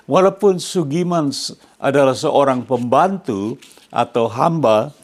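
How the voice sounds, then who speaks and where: A man's voice: mid-range voice, gravelly. A male pastor preaching a sermon, questioning his congregation and answering himself when he speaks English. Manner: asks the congregation questions and answers them himself, rising loud on quoted words.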